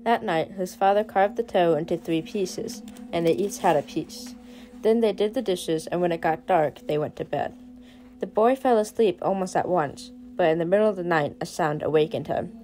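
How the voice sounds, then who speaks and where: A woman's voice: fairly low pitch, normal speed, soft background music, poor audio. A woman reading a short horror story aloud, dramatic in her storytelling. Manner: dramatic storytelling, varying loudness for suspense. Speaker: storyteller and artist.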